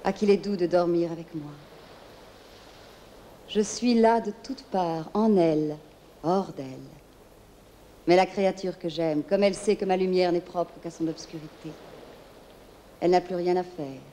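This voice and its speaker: A woman's voice: fairly low pitch, steady tone, measured pace, pauses often, warm tone, a little hiss or hum, lightly acted. A woman playing a serene, consoling moon spirit in a theatrical film monologue, speaking lyrically in dreamy, lingering phrases. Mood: serene, tender.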